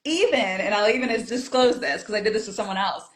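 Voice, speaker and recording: A woman's voice: medium pitch, lively intonation, a little fast, reverberant. A woman chatting as an interview guest, telling stories and acting out her own past thoughts. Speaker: guest, community group founder. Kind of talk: casual interview chat.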